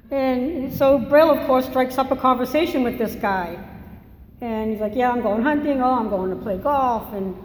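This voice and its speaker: In an echoey meeting hall with faint background noise, a fairly high-pitched older woman from Massachusetts, speaking with that state's accent, offers a personal testimony at a recovery meeting. She's candid and rambling and pokes fun at herself.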